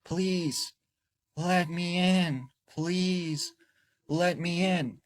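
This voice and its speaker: Guy putting on a high little ghost boy voice, soft and begging. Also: very slow. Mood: pleading. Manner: soft, pleading, repeated begging.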